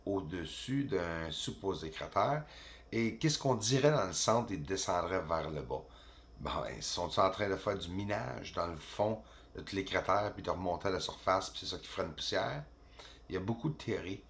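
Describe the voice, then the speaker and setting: A low-pitched native English speaker hosts a channel in French with a Quebec accent. Over video footage he gives casual, animated commentary, exclaiming and chatting with plenty of filler words.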